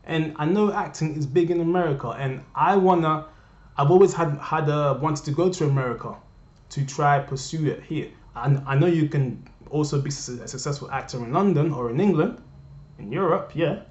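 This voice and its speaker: A young man from Cameroon, a vlogger, speaks to his viewers from his living room with earnest passion, repeating things for emphasis. His voice sits a little high and is slightly mellow, at a moderate pace. Recorded on a desk webcam, the sound is roomy, dull and lo-fi.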